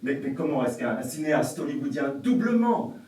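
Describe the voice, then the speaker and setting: An actor on stage playing an excitable, fussy theatre owner who gushes and protests theatrically. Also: male voice, medium pitch, a little fast, close to an everyday voice. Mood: flattered. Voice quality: theatrical, gushing then whiny and protesting. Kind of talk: live stage comedy. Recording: distant stage mic, roomy hall echo.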